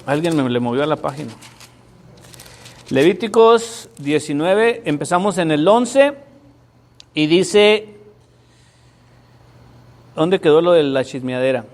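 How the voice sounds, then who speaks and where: A man's voice: fairly high pitch, very animated, slow pace, pauses often. A middle-aged man, a pastor preaching a sermon to his congregation with emphatic, dramatic storytelling. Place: church sanctuary before a congregation.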